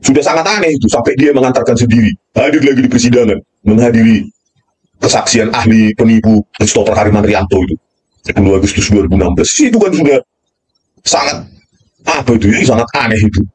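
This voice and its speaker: A man's voice: medium pitch, fast, a little mellow, slightly rough. A man delivering angry commentary in a furious rant, repeating a filler tag constantly.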